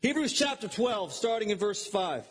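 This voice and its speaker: A man preaching a fervent sermon, swinging between shouted peaks and quiet, low intensity. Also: big pitch swings, normal speed, big-room sound.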